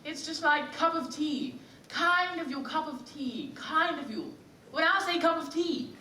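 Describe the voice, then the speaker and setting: A man's voice: very high-pitched, a little slow, bright, forceful tone, a little hiss or hum, exaggerated voice. An actor playing an impatient phonetics professor in a stage musical. He lectures and repeats his corrections in exasperation. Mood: exasperated. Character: impatient male phonetics professor, brisk and bossy. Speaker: student actor. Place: school theatre stage. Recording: echoey hall from far off.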